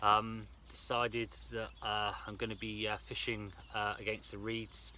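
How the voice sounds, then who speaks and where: A man's voice: lowish voice, level tone, unhurried, pushed and bright. A man talking casually to camera in a laid-back, slangy way, as a fishing vlogger. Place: outdoors at a fishing lake. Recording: outdoor ambience and background noise.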